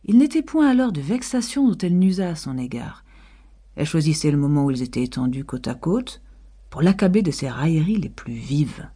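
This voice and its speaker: A woman narrating a classic tale as an audiobook reader, in a husky, measured and expressive voice. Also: sits low. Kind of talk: scripted literary narration.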